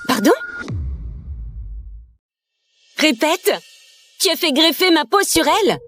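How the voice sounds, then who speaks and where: A woman's voice: mid-range voice, measured pace, no room sound, soft background music, lightly acted. Woman voicing a defiant wronged wife, curt, dry close sound, dubbed drama. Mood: cold. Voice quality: curt, sharp commands. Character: bitter wronged young wife, cold and defiant. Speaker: lead heroine.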